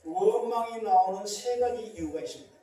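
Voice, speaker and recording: Korean pastor guy preaching, lots of rhetorical questions, high voice, heavy hall echo, mic far off. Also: expressive, moderate pace, dark tone. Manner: emphatic preaching, rhetorical questions, mimics complaints. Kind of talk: sermon. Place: large church hall. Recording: very echoey church hall, distant mic.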